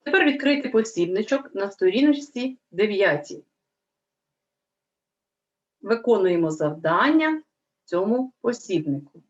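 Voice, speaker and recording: Slow, careful woman teacher. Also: mid-range voice, sing-song, lo-fi sound. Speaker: primary school teacher. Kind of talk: recorded lesson for children.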